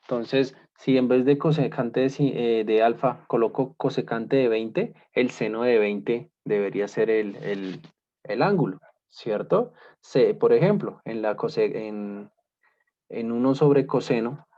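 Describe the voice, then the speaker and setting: A man with a mid-range, dark-toned voice and measured pace explains a basic math lesson step by step. Patient throughout, he frequently asks "¿listo?" and "¿cierto?" The recording is a dull lo-fi capture of the class.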